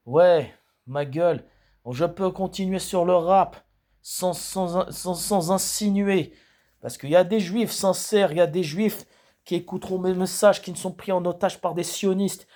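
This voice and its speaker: A man delivering a spoken protest rap in a halting, freestyle way, often restarting words and hitting rhetorical questions hard. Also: high voice, a little mellow. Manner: slow, declaiming delivery with emphatic rhetorical questions. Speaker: rapper.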